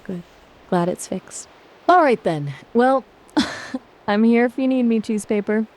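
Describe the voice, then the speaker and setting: A woman's voice: on the high side, slow, darkish tone. A synthetic woman's voice acting as a chatty, upbeat AI gaming companion in casual chat.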